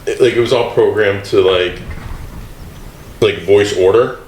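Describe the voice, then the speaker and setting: A man chatting casually on a podcast, telling animated stories and acting out the voices of the people in them. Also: fairly low pitch, unhurried. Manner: animated storyteller, acts out quoted voices. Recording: roomy studio with faint hiss.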